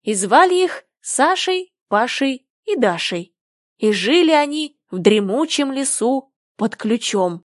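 A woman voicing a sleepy dormouse in a storybook, talking in a drowsy, hoarse way. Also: sits high, sing-song, dry recording, studio quality, full character voice. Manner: drowsy, hurried.

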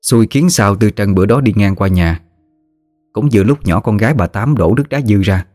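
Man, Southern Vietnamese accent, folksy story narration, slangy and teasing, lowish voice, faint music behind. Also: animated, fairly quick, a little mellow, no echo, studio quality.

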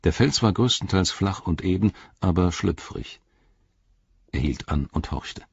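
Brief: low-voiced male audiobook narrator, breathy, dry close sound. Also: animated, dry recording, dull audio. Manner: measured storytelling. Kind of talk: scripted narration.

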